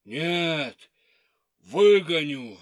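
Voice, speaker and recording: A woman voicing an old male bear who talks low and slow and growls. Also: expressive, heavily acted. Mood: growling.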